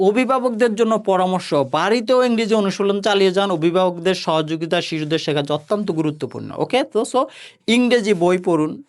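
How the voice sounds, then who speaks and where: A man teaching parents how to speak English with their children, repeating his points and mixing English words into Bengali. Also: high-pitched. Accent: Bangladeshi Bengali. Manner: repetitive, mixes English words and phrases into Bengali. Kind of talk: instructional talk to parents.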